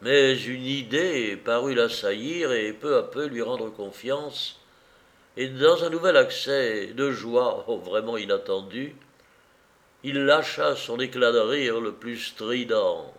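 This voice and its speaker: A man narrating an adventure novel in a measured reading. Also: medium pitch, a bit bright. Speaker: audiobook narrator. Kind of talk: scripted narration.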